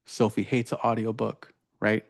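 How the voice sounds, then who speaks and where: A man's voice: fairly low pitch, completely flat delivery, moderate pace, gravelly. A man presenting a teaching strategy at a workshop, in a casual, chatty way with many fillers and tag questions. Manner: casual, filler-heavy, says "right?" often. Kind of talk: conference workshop demo.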